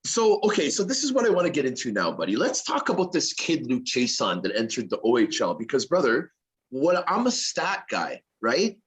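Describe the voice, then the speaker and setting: A man's voice: medium pitch, huge pitch swings, normal speed, low-quality recording. A man hosting a podcast, interviewing his guest in a chummy, casual way. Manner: chummy, calls the guest buddy and brother. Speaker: podcast host.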